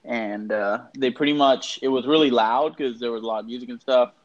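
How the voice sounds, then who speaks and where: A young man in his twenties telling a funny story in a relaxed, animated way on a podcast. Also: mid-range voice, a little fast, highs cut off. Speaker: podcast co-host. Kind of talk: casual storytelling.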